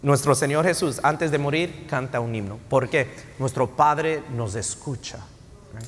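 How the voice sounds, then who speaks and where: Speaking a little slowly in a mid-range voice, a middle-aged pastor preaches in both Spanish and English, frequently throwing in tag questions. The sanctuary recording has long church hall reverb along with a bit of hiss or hum.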